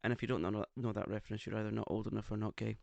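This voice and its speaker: Camp, teasing English podcast host with gravel. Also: male voice, lowish voice, fairly even intonation, rapid-fire, a little mellow, no echo. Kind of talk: casual chat. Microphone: studio microphone.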